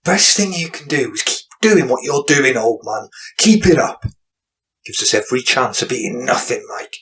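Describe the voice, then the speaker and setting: A woman playing a worn-down young man in an audiobook crime drama, speaking low and muttered. He sounds tired and stubbornly defiant. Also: animated, moderate pace, a bit bright. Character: young man, poor older brother, weary and defiant.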